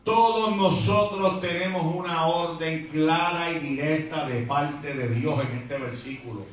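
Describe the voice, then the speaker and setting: Predicador boricua fervoroso, voz algo aguda, sala con mucho eco y mic lejano. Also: male voice, on the high side, unhurried, very echoey, distant mic, poor audio. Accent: Puerto Rican Spanish. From Puerto Rico. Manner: fervent, switches to English words. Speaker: preacher. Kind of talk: Pentecostal sermon. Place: church hall.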